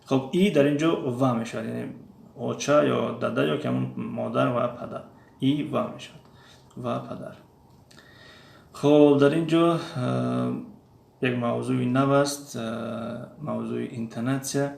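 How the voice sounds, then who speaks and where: Gravelly-voiced man teaching in an echoey room. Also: medium pitch, steady tone, a little mellow. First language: Tajik. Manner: slow, repeats drill words aloud. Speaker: language teacher. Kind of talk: explaining a lesson.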